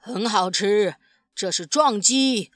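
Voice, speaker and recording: A woman playing a gruff but tender tyrannosaurus father figure in a storybook, talking hesitantly with drawn-out "uh"s. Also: medium pitch, no echo, clean studio sound, lightly acted.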